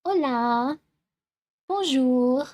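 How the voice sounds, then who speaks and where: Reacting to a video on stream, this young VTuber from France chats casually in a French accent, wandering off topic and starting over again and again out of self-consciousness. She speaks very slowly in a high, lively, somewhat mellow voice.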